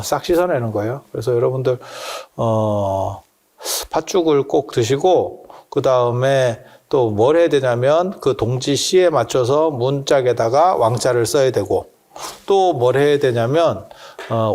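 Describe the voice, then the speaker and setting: A man's voice: medium pitch, a little mellow. A man giving a casual Buddhist dharma talk, joking and asking the audience questions as he explains customs. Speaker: Buddhist monk lecturer. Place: temple hall with listeners.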